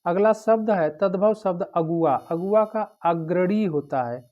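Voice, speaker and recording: Slow-spoken male teacher, lo-fi. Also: high voice. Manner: repetitive drilling of word pairs. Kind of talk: exam-prep lecture. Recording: dull lo-fi recording.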